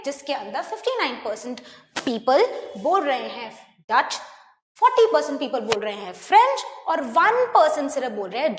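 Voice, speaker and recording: An Indian-accented woman teaches an online class, switching between Hindi and English, checking in with students often, and slowing down to dictate key terms. Her voice sits high, and the recording has a roomy echo with long reverb.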